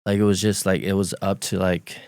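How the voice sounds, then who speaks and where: In a close recording with no echo, a gravelly, very low-voiced Romanian man in his forties talks as a podcast guest. His flat, even storytelling is candid and halting: he repeats words, stops and restarts while recalling his past, and laughs lightly here and there.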